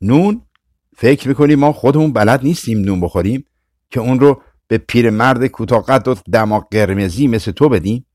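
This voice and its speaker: A man's voice: mid-range voice, no echo, clean studio sound, close to an everyday voice. A man reading an audiobook voices an angry, bullying older brother who barks at people in a raised voice. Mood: mocking. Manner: loud, raised, barking.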